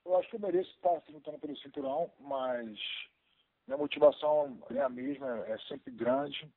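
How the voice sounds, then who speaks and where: A fighter on a conference call, speaking on speakerphone from away from the phone, softly and trailing off. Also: male voice, fairly high pitch, very animated, quick pace, creaky. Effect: on speakerphone, distant from the phone. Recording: tinny, far-off speakerphone line.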